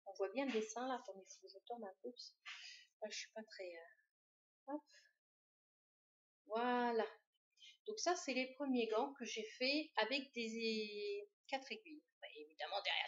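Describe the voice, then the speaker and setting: A woman hosting a knitting podcast, showing her projects in a chatty, hesitant way with many fillers. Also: fairly high pitch. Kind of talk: casual show-and-tell chat. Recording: dull lo-fi sound.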